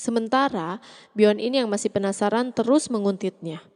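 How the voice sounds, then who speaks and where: A woman's voice: mid-range voice, normal speed, a little mellow, long reverb tail. A woman reads a scripted story recap as the narrator. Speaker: narrator recapping a drama series.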